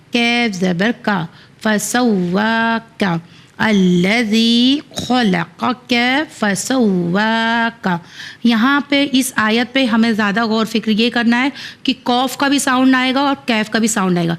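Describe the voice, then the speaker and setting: A woman with a Pakistani Urdu accent teaching Quran reading, spelling each syllable and then blending the words slowly. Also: medium pitch. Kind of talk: slow letter-by-letter Quran recitation lesson.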